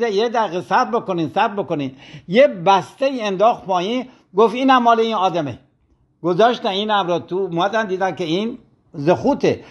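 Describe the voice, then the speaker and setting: A man's voice: high-pitched, highs cut off. A man who teaches religion, telling a moral story in a sermon on a broadcast and acting out the quoted complaints.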